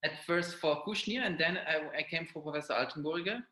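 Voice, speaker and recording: A young Belgian violinist, a guest in an interview conversation, talks about his training. His voice is bright, forward and fairly high, and he speaks haltingly, often restarting phrases. The room has a noticeable, roomy echo.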